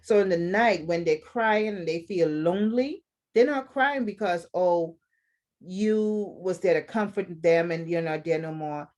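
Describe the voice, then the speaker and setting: Bahamian woman host, lower pitch, earnest advice monologue, repeats points for weight. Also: a little slow, a little mellow, muffled recording. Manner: earnest, repeats phrases for emphasis. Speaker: podcast host.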